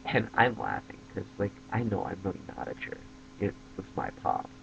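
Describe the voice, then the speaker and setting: A young man casually telling a funny story to his camera as a vlogger, lively and given to squealing when excited. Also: low-pitched, normal speed, vocal fry. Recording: dull lo-fi webcam audio.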